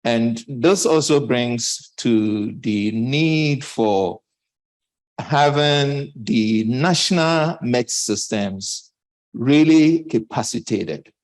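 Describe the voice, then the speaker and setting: Breathless guy on a panel, talks slow, lots of uhs and ums. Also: mid-range voice, rough recording. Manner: slow, halting with many fillers. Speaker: panelist from a development bank. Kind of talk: conference panel remarks.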